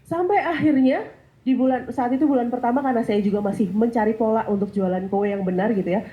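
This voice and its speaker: A woman in her thirties with a stuffy nose giving a lively testimonial speech, acting out dialogue as she tells her story. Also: a little high, fast talker, rough recording. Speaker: sales testimonial speaker. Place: event hall.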